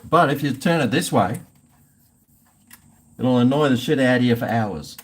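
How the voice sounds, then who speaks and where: A man's voice: mid-range voice, expressive, normal speed, background noise. A man with an Australian accent chatting casually on a livestream, rambling and swearing in a blokey way. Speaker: live streamer chatting with viewers.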